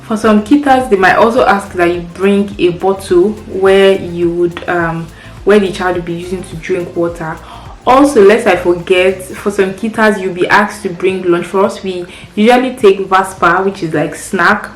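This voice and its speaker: A chatty, friendly parent vlogger whose first language is Yoruba shares practical tips in a casual advice vlog. Her mid-range voice moves at normal speed, recorded in an echoey room with faint music.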